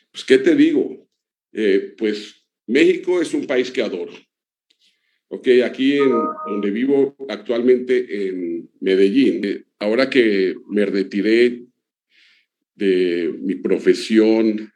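A man in his sixties, an interview guest, answering in a relaxed, conversational way with frequent pauses. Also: on the low side. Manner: relaxed, many "eh" and "pues" fillers.

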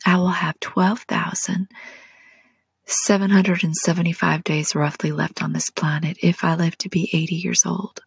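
Woman, 40s, low gravelly whisper, gentle devotional ASMR-style guide. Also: level tone, dry recording, studio quality. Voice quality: breathy whisper. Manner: slow, soft and prayerful, speaks directly to the listener.

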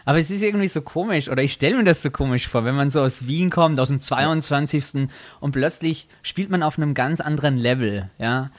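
A man conducts a relaxed interview. He asks curious, conversational questions. His voice sits a little higher than most men's. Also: a little fast, hardly any pauses.

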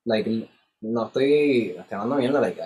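A man with a husky voice tells stories casually in Spanglish, switching between Spanish and English and acting out dialogue. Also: mid-range voice, moderate pace, low-quality recording. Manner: animated filler-heavy storytelling with re-enacted dialogue. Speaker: musician in a band.

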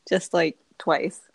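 A woman co-hosting a casual chat, reacting in a laid-back, teasing way with laughs. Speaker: podcast co-host.

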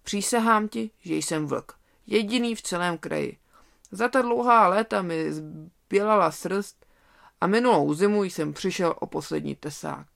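A reader doing an old toothless wolf, gravelly and grumbling. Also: medium pitch, a bit bright.

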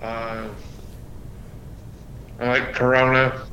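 A man's voice: medium pitch, flat delivery, very slow, sharp tone, highs cut off, a little hiss or hum. A man calling in over a speakerphone, giving short, plain answers. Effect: heard over a speakerphone call. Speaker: guest on the phone.

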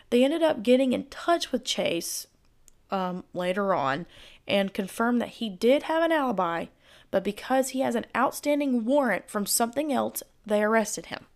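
With a fairly high, expressive voice that is hoarse and failing, a woman hosts a true crime podcast at a moderate pace. Her narration is relaxed and sprinkled with chatty guesses and asides.

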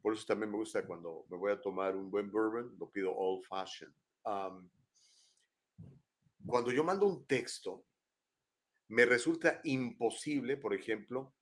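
An older man with a Mexican accent hosting a live show from his home, chatting in a rambling way and tagging questions onto his sentences. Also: mid-range voice. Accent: Mexican Spanish. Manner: rambling, chatty, keeps adding tag questions. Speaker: host. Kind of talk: casual live-show chat.

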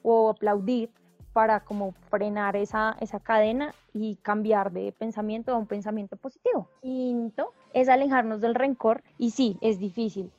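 A woman hosting a talk, calmly going through tips one by one. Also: on the high side, moderate pace, no room sound, soft background music. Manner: explains step by step, calm and reassuring. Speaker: podcast host giving advice. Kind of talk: casual advice talk, listing tips. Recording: dull, dry, slightly lo-fi audio.

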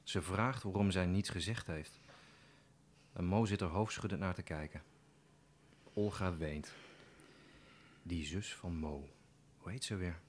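A man giving a steady, deliberate first-person dramatic reading of a play text. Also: low-pitched, slight background noise. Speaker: reader in a radio play reading.

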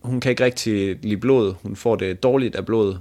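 A man's voice: lowish voice, darkish tone. A man casually retelling an embarrassing date story to a co-host, joking crudely and laughing along. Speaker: podcast host.

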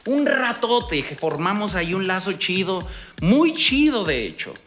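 Vato mexicano joven contando su historia bien animado, voz alta que sube y baja, música suavecita atrás. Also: male voice, high voice, sing-song, a little slow, fairly bright tone, faint music behind. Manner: slangy, streetwise, addresses listener as buddy. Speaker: dating advice host. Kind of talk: casual storytelling monologue.

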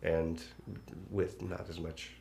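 Very deep-voiced male podcast host. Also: slow pace, creaky. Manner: laughing, animated, lots of fillers. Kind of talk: casual chat.

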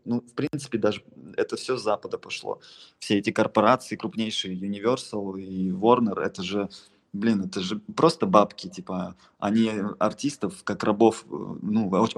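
With a breathy edge to his lowish voice, the young Russian producer from the Altai region speaks at a normal speed. As a guest in the interview, he gives loose, slangy answers full of restarts.

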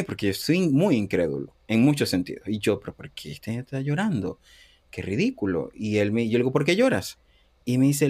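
A man in his thirties, from Panama, telling a personal story in a casual interview, acting out the dialogue and laughing often. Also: medium pitch. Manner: animated, acts out quoted dialogue, laughs often. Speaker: interview guest.

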